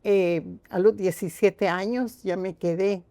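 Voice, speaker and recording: An older woman from Costa Rica with a Costa Rican accent, a guest telling her own story slowly and earnestly, with many pauses. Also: medium pitch, fairly even intonation, dark tone, dry recording. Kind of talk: reflective personal storytelling.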